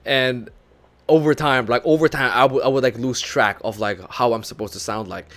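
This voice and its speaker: A man's voice: medium pitch, moderate pace. A young Filipino man with a Filipino English accent chatting casually on stream, swearing and laughing as he tells stories and answers chat. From Philippines. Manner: animated, swearing, laughing storyteller. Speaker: VTuber streamer.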